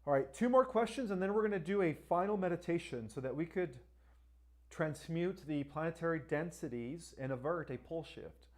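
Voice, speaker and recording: A man with a Spanish accent hosts a live-stream Q&A, answering viewers' questions. His voice sits a little on the high side, and he talks emphatically, tagging lines with "all right" and "right?". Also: expressive, moderate pace. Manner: asks viewers to like and share. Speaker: livestream host.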